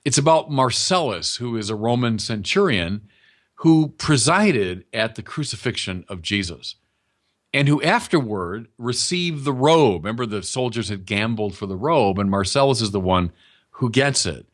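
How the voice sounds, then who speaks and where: Male preacher, sermon, conversational, emphatic, animated pitch, repeats key points. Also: moderate pace.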